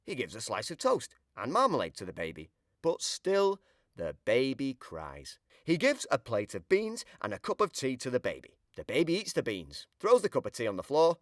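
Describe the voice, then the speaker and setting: A man reading a children's picture book aloud in an expressive storytelling voice. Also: mid-range voice, normal speed, no echo, clean studio sound. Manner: expressive, sing-song storytelling.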